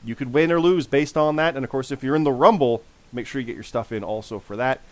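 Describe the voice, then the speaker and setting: A man in his forties with a hoarse, worn voice, hosting a casual podcast and repeating phrases for emphasis. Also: mid-range voice, fast, darkish tone, dry recording. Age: 40s. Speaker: podcast host.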